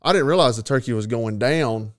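A man's voice: medium pitch, fairly quick, dry recording, studio quality. A man hosting a casual chat, telling stories in a folksy, colloquial way. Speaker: podcast host. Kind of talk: casual chat, hunting storytelling.

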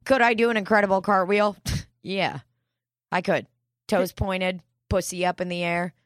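A woman co-hosting a podcast, teasing and wry, who laughs easily. Her voice sits fairly low for a woman. The sound is dry and close to the mic. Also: level tone, moderate pace, no room sound. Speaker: podcast co-host. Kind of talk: casual chat.

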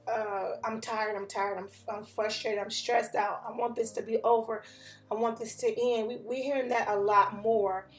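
A woman hosting a podcast, talking earnestly and emphatically, circling back and repeating her points in a motivational style. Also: on the high side. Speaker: podcast host. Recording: echoey room with faint music.

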